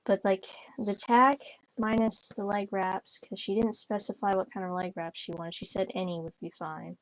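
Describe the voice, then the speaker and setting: Sitting on a bed in her bedroom, a young woman plays a horse game and chats casually, rambling with many fillers and restarts. Her voice is medium-pitched and fairly even at a moderate pace, in a low-quality recording with no room sound.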